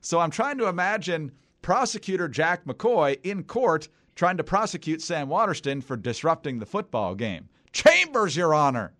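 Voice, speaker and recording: A man's voice: on the high side, sing-song, normal speed, hardly any pauses, a bit bright. A man hosting a political podcast, reading news items and bantering with his co-host. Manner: bantering, reads news aloud. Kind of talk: casual political chat.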